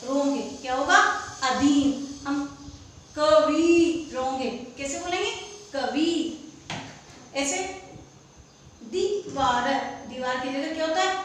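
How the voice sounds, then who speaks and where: A woman's voice: sits high, measured pace, slight background noise. A woman teaching a classroom lesson, drilling pupils with questions she answers herself and mixing in English words. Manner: mixes English words into Hindi. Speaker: school teacher. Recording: echoey classroom from far off.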